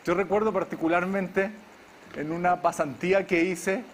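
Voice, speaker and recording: A man, preaching a sermon to his congregation at a church service. He keeps checking in with the listeners with a quick question. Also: high voice, steady tone, a little hiss or hum. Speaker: pastor.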